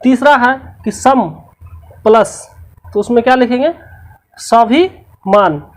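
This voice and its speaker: A woman's voice: fairly high pitch, takes it slowly. A woman teacher going through a textbook lesson's questions, explaining each answer step by step and repeating the key words.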